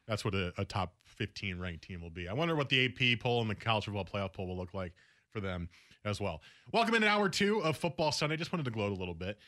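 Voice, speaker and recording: A man's voice: lowish voice, lively intonation, quick pace, sharp tone. A man hosting a sports radio show, bantering and teasing his co-host in a playful way. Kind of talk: casual sports radio talk. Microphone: studio mic.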